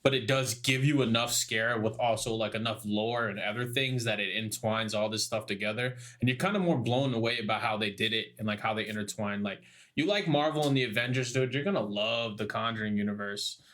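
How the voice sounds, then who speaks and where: A man's voice: on the low side, a little fast, fairly bright tone. A young man co-hosting a casual podcast, talking loosely with lots of fillers and restarts as he tells stories. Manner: rambling storyteller, many fillers and restarts. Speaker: podcast co-host. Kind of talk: casual chat.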